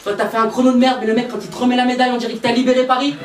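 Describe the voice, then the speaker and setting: A man doing a stand-up routine, telling stories in an animated way and speaking to audience members, recorded live from a far mic. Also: very high voice, racing. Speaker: stand-up comedian. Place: live stage with audience laughter. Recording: echoey room, far mic, loud noise.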